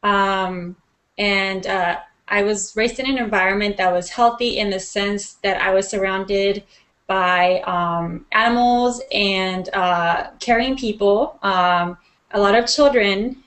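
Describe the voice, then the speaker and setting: A woman's voice: medium pitch, slow, fairly bright tone. A woman from Mexico, a guest in an interview, telling her personal story in an earnest, reflective way with frequent ums.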